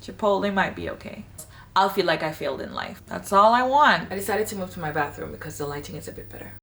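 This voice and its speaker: A woman's voice: on the low side, lively intonation, quick pace, fairly bright tone, recorded from a distance. A woman, talking candidly and emphatically to camera at home. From Saint Vincent and the Grenadines. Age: late 20s. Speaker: vlogger. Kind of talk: casual talk to camera. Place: home in Hong Kong, bathroom.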